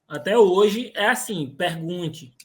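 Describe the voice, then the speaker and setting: A man who is a guest in a casual podcast chat, talking in a calm, explanatory way. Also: sits high, slow pace.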